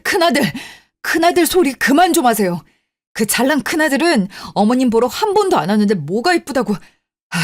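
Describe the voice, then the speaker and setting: A woman's voice: mid-range voice, darkish tone, dry recording, clean studio sound, natural voice. A woman voicing a weary middle-aged husband, worn down by caring for his mother, in a radio drama. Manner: pleading, then venting frustration. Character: middle-aged husband, patient son, tired and strained. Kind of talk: Korean radio drama acting.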